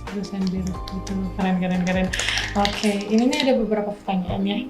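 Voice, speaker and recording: A woman's voice: mid-range voice, fairly even intonation, fast talker, roomy sound, music in the background. A woman hosting a podcast in a casual, chatty, upbeat way, agreeing often. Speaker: podcast host. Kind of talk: casual interview chat.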